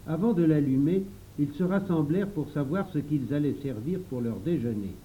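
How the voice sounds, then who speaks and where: A man narrates a storybook with a lively, expressive delivery, his voice sitting slightly high and moving through a wide range. The recording is dull and lo-fi, with a faint hiss underneath. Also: normal speed. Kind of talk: storybook reading.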